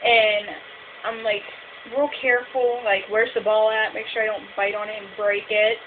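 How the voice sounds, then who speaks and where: A woman's voice: mid-range voice, flat delivery, moderate pace. A young woman with a fresh tongue piercing chatting casually in a rambling video diary, saying "like" often. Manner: rambling, frequent "like". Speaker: vlogger. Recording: hissy, noisy, phone-like narrow sound.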